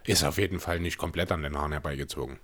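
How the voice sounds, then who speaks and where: A man co-hosting a casual podcast, talking in a measured, analytical way with frequent chuckles. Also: rumbling low, fairly even intonation, a bit bright. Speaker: podcast co-host. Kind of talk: casual basketball chat. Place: room with closed soundproof windows.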